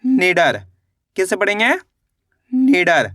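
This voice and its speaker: Slow, patient male reading teacher. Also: high-pitched, big pitch swings, bright, forceful tone, no room sound, clean studio sound. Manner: sounds out syllables one by one, then asks and answers each word. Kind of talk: reading lesson for beginners.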